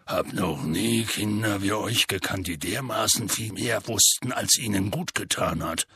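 A man voicing a huge, gruff male half-giant gamekeeper in an audiobook, with a deep, rasping voice and rough, folksy speech. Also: wildly swooping pitch, slow pace, pushed and bright, dry recording, clean studio sound, heavily acted. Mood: grumbling. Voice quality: deep gravelly rasp. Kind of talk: audiobook character voice.

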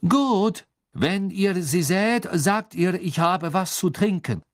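An audiobook reader voicing a stiff, sullen young male athlete who talks slowly. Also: medium pitch, animated, no room sound, clean studio sound, voice pushed up. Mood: gruff.

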